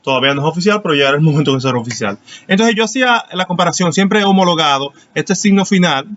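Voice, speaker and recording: An English teacher explains grammar to students in an online class, calling on them by name and asking them questions. His voice is on the high side, expressive and a bit bright, he talks fast, and the recording's highs are cut off.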